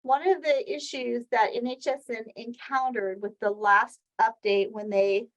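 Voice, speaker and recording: A woman with a fairly high voice and fairly even intonation takes her time presenting a weekly healthcare training webinar. She moves through the slides step by step, talking conversationally with examples. The sound is lo-fi.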